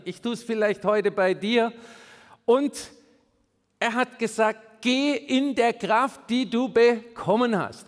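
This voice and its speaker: A male pastor delivering an emphatic sermon, swinging between raised and hushed delivery. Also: high-pitched. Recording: long reverb in a large hall.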